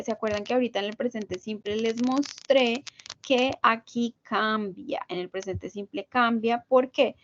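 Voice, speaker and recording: A woman teaching an English grammar class online, explaining patiently step by step and checking in with her students. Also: on the high side. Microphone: video call. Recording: lo-fi video call audio.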